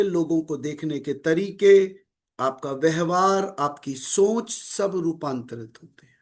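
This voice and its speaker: Calm man giving a spiritual talk. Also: fairly high pitch. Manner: calm, measured, mixes Hindi with English phrases. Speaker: spiritual speaker.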